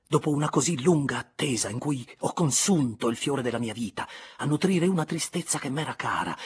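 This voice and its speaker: A man reading aloud and voicing an anguished young noblewoman, pleading and often breathy and whispered. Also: medium pitch, pitched above the performer's own voice. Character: anguished young noblewoman, tender yet wounded.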